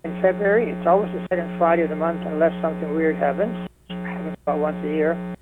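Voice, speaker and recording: A man speaking over the phone as a guest on a radio show, friendly and unhurried, listing things off with fillers. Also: on the high side, steady tone, over music. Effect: heard over the phone. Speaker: folk music society representative, radio guest. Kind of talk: casual radio interview. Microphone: telephone. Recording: tinny phone line with hum.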